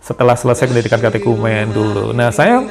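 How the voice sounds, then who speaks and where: A man's voice: mid-range voice, fast talker, gravelly, over music. A man talks through his own story at an easy conversational pace. His voice sits mid-range, and he stops here and there to hesitate and find his words. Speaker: interview guest telling his conversion story. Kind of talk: relaxed testimony conversation.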